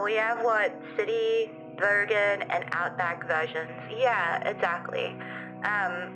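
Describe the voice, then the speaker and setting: A young woman with a mid-range voice chats casually with her livestream viewers, reading and answering their comments. She has a softened city Australian accent and rambles, giggles, and leans on fillers. The audio quality is poor.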